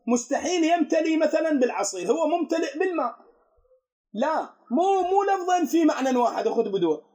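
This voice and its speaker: A man's voice: very high voice, a little mellow. A man with an Iraqi Arabic accent, a cleric giving a religious lesson to students, explaining and posing rhetorical questions to his audience.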